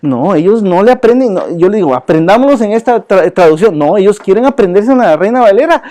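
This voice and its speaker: A man teaching a church Bible class in a lively, joking way, often asking his listeners questions and calling them brother. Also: high voice, fairly quick.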